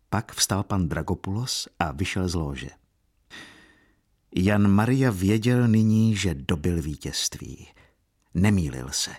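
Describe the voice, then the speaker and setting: A man reading a novel aloud in a steady, measured way. His voice is husky and fairly low, and his delivery stays calm and even throughout. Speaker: audiobook narrator. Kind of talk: scripted narration of a novel.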